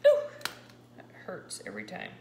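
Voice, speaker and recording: Talking at a normal pace, a woman in her forties who vlogs about keto chats excitedly while handling a meter, her voice a little scratchy. She records indoors in her kitchen with the camera aimed down at the counter, capturing echo and noticeable background noise.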